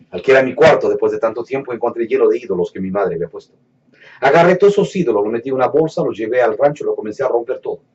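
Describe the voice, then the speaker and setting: A man giving a fervent sermon testimony, dropping to hushed low lines and rising to raised fervent ones, slowing down to stretch words for emphasis. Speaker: preacher giving his testimony. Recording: distant mic, dull lo-fi sound.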